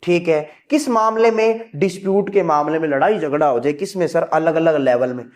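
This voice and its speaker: A man's voice: on the high side, normal speed. A man teaching a civics lesson, asking questions and answering them himself as students would, and often checking that the class has understood. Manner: asks and answers his own questions, quoting students as "sir". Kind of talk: exam-prep lesson.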